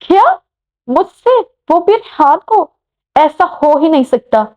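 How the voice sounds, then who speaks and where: A woman's voice: fairly high pitch, animated, normal speed, slightly rough. A woman voicing a bold young woman who gets flustered, in a romance story. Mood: exasperated. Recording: muffled lo-fi recording.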